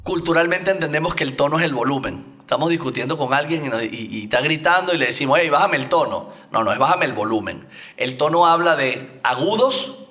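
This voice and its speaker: Hombre invitado, instructor de oratoria, con una voz nítida y brillante. Su tono es de clase, y va dando ejemplos mientras explica. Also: male voice, a little high, expressive, fairly quick, pushed and bright. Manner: didactic, gives spoken examples. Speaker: oratory coach and guest. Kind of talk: explanatory interview talk.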